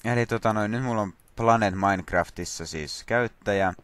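Here a man with a fairly low, creaky voice talks over his own Minecraft gameplay against a noisy background. He runs a gaming channel, and his let's play commentary is casual and rambling, full of fillers and self-mockery.

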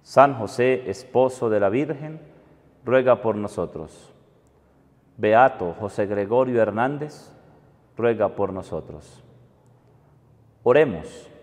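Slow-spoken priest in an echoing church. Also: male voice, on the low side, lively intonation, a little mellow. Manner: solemn, measured liturgical delivery. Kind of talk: leading Mass prayers and blessing. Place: large church, at the altar. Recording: echoing church hall, long reverb.

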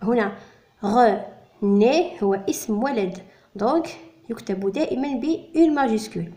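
Woman teacher for a beginners' dictation lesson, higher voice, drills each word slowly. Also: expressive, mellow. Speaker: French teacher. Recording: echoey room.

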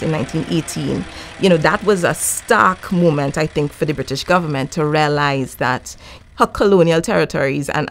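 Low-voiced woman reflecting in an interview. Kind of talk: documentary interview.

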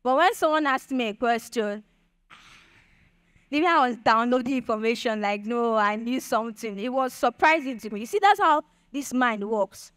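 A woman's voice: on the high side, normal speed, a bit bright, clean tone, no echo. A young woman with a Nigerian accent giving a chatty motivational talk to an audience, often checking "do you understand?". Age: young adult. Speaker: speaker at a Bitcoin event.

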